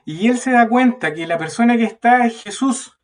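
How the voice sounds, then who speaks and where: High-voiced preacher heard from afar. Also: male voice, animated, moderate pace, distant mic. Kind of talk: sermon.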